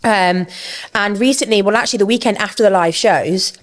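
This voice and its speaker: A woman's voice: mid-range voice, fairly quick. A young woman, co-hosting a casual podcast, chatty and swearing freely while eating. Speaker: podcast co-host. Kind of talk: casual chat.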